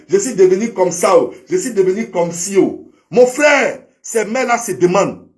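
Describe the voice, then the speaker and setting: A man delivering a preachy, repetitive monologue to a fellow online commentator, heavy with proverbs and addressing him as brother. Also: high-pitched. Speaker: social media commentator. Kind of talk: impassioned monologue to camera.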